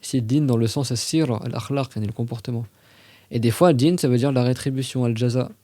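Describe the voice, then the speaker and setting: A man explaining religious texts in a relaxed, conversational way, as if chatting with younger listeners. His voice is mellow and warm. The sound is close and dry, with no room around it. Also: mid-range voice, no echo. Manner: conversational, recites Arabic verses slowly and carefully. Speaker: religious teacher on a podcast. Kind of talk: casual explanatory lesson.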